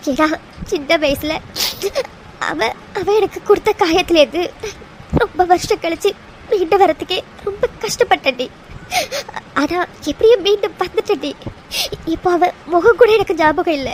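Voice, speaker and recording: A woman's voice: extremely high pitch, moderate pace, long pauses, a little hiss or hum. A woman voicing an anxious young cartoon heroine in love, who talks in an emotional, confiding and pleading way. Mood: fearful. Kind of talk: animated cartoon dialogue.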